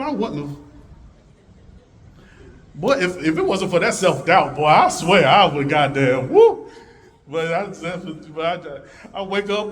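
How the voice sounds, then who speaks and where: In a conference hall, a deep-voiced man gives an animated motivational talk to a live audience, shifting between loud calls to the crowd and hushed, low tones. There's slight background noise.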